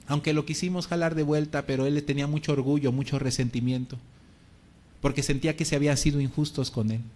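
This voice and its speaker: Mexican pastor telling a story. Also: male voice, fairly high pitch, fast. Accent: Mexican Spanish. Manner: lively storytelling with colloquial words. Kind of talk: sermon with testimony storytelling.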